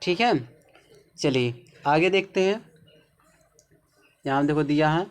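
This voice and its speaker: A man with a Hindi accent teaching English pronunciation, explaining slowly and repeating words, often checking in with the viewer. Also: a little high.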